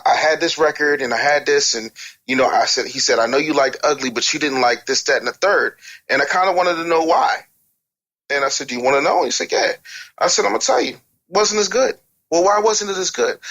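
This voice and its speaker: A man appears as an interview guest, a music business and branding adviser, telling casual stories and offering blunt, joking opinions in slangy speech. The storytelling is animated, and his voice is a little high with a fairly bright tone.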